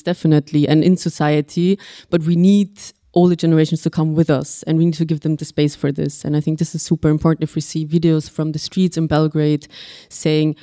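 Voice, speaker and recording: A woman's voice: low voice, mellow, no echo, studio quality. A young woman from Austria speaking earnestly as a panelist, restarting phrases as she thinks aloud. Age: young adult. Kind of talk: panel discussion.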